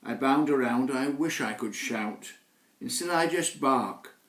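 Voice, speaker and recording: A man's voice: medium pitch, a little slow, a bit bright, close to an everyday voice. A man reciting a rhyming poem in the voice of a happy, loyal rescued dog. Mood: cheerful. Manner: cheerful rhymed recitation. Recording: roomy echo.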